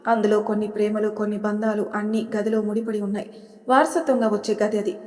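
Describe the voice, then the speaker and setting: A woman storyteller narrating an audio story in a steady, plain way. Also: mid-range voice, fast. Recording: long hall reverb.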